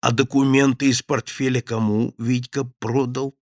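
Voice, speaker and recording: A man voicing a cold gang boss who interrogates in a low, quiet voice. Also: little pitch movement, measured pace, no echo, clean studio sound, natural voice. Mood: menacing.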